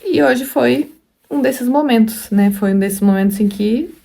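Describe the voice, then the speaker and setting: A woman's voice: a little high, a little slow, vocal fry, warm tone. A woman who is a mother and hosts a spiritual study channel, thinking aloud in a casual reflective teaching talk, rambling with many fillers and restarts. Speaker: mother of a young daughter.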